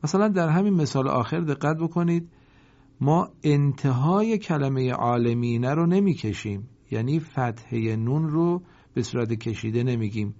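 A man teaching Quran reading, chanting example words slowly one at a time and explaining in quick asides for learners to repeat after him. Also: mid-range voice, expressive, dark tone, muffled recording. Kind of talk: recorded reading lesson with repeat-after-me drills.

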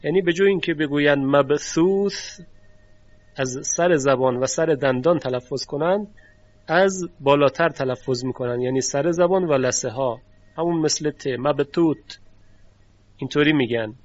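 A man's voice: a little high, dry recording. A man teaching the phonetics of Quranic recitation in a formal, courteous lecture, explaining and demonstrating sounds aloud. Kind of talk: recorded lecture. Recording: dry, dull lo-fi recording.

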